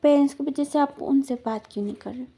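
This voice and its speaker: A woman's voice: sits high, quick pace, warm tone. A woman doing a sulky young man. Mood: pleading. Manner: pleading, sulky.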